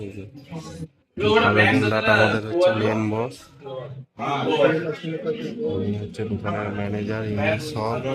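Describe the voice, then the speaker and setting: A man, hoarse from a cold, narrating his workday at a phone shop in a casual, self-mocking vlog. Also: fairly low pitch, low-quality recording. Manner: joking, self-mocking, chatty. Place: busy shop and street.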